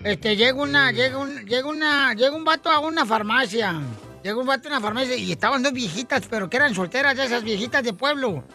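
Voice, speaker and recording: A man's voice: extremely high pitch, fast talker, hardly any pauses, bright, forceful tone, soft background music. A man hosting a language radio show, telling jokes playfully in casual banter. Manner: playful, joke-telling, laughing.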